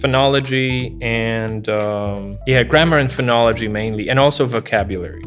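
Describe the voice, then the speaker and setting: Man, halting restarts. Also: mid-range voice, fairly bright tone, faint music behind. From Poland. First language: Polish. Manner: hesitant, many restarts and fillers. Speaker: podcast guest. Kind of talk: casual interview chat.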